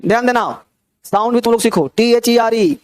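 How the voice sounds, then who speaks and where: A man's voice: extremely high pitch, moderate pace, no room sound, clean studio sound. A young man teaching a grammar class, drilling pronunciation and checking in with his students. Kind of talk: classroom lecture.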